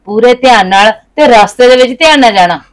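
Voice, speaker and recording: A woman's voice: fairly high pitch, expressive, fairly quick, natural voice. A woman playing a devout, worried young village wife who pleads insistently. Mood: pleading. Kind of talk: village drama acting.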